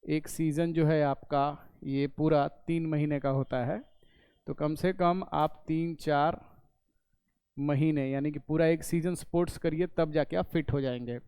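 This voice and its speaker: A man's voice: fairly high pitch, fairly even intonation, a little slow, dark tone, clear, resonant tone, dry recording. Man teaching step by step. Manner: repetitive, explains step by step, asks and answers own questions. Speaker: English teacher. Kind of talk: classroom lesson explaining in Hindi.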